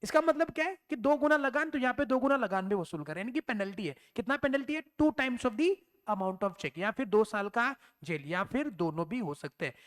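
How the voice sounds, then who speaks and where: A man's voice: very high-pitched, lively intonation, normal speed, few pauses, fairly bright tone. A male teacher giving a recorded exam-prep lecture, explaining step by step, asking and answering his own questions, and dropping in English terms.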